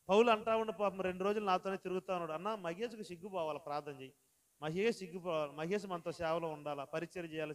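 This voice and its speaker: A man, a pastor telling a personal story in a sermon. He talks quietly through the story, then grows loud and slow as he preaches. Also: sits high.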